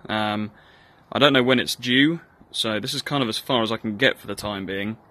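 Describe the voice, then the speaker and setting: A man's voice: lowish voice, normal speed, bright, forceful tone. A Northern Irish man giving casual, self-deprecating narration of a workshop build, with plenty of ums and uhs. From Northern Ireland. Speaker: hobby blacksmith.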